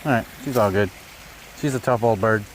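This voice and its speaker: A man casually narrating a hobby vlog outdoors, recorded at a low sample rate on a neck-mounted camera without an external microphone. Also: brisk, low-quality recording. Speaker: RC crawler hobbyist host. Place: outdoors on a trail. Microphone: camera on neck mount, no external mic. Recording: low-fidelity outdoor audio, faint background noise.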